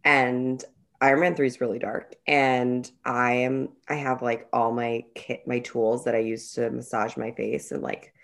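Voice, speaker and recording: Speaking in a bass voice with flat delivery at a measured pace, a young woman co-hosts a podcast. The talk is casual chat, rambling in bursts with many "like" fillers.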